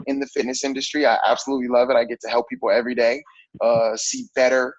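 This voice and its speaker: A man's voice: mid-range voice, no echo, dull audio. Man in his thirties, easygoing and rambly. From grew up on military bases overseas. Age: 30s. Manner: relaxed, rambling, frequent fillers and laughs. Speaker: fitness coach. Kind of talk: casual interview.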